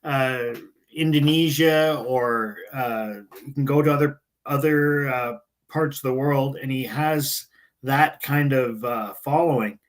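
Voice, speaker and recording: A man co-hosting a casual political podcast, talking in halting phrases full of fillers. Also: medium pitch, fairly even intonation. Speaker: podcast co-host.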